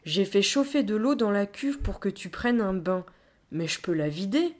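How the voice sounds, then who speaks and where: A woman's voice: mid-range voice, expressive, normal speed, lightly acted. A woman voicing a female gorilla guardian who scolds firmly but cares underneath. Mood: dry, matter-of-fact. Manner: scolding, then awkward and gentle.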